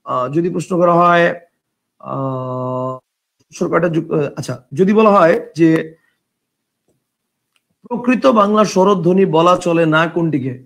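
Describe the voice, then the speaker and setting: A man's voice: high voice, vocal fry. A man teaching an online grammar class, who repeats his questions and keeps asking whether the students understand. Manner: reads out viewer comments and replies.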